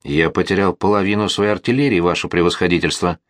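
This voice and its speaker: A man voicing an exhausted, half-deaf male artillery colonel who slurs and shouts his words in a dry audiobook reading. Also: low-pitched, fast, no echo, natural voice. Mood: shouting. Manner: slurring, shouting.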